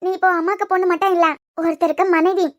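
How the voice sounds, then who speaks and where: A woman voicing a gentle elderly grandmother in a cartoon series, speaking with a Kanyakumari accent in a coaxing, motherly, scolding way. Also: very high voice, level tone, fast. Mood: soothing. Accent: Kanyakumari Tamil. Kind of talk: cartoon web series voice acting.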